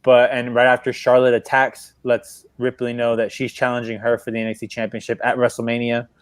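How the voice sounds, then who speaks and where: A man co-hosting a casual wrestling livestream, retelling backstage skits in an animated way and laughing as he goes. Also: medium pitch, fairly quick, smooth, no room sound. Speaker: podcast co-host.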